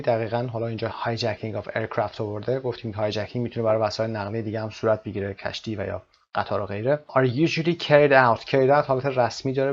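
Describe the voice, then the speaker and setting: A male English teacher explaining a textbook lesson, reading English lines slowly and clearly and then explaining them at a quicker pace. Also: medium pitch, a little mellow, muffled recording, a little hiss or hum.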